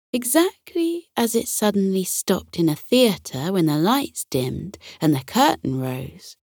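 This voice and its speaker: A woman tells a bedtime story for children in a gentle, soothing way. She reads very slowly with a lively, expressive melody. Her voice sits a little low and sounds close and dry. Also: no room sound.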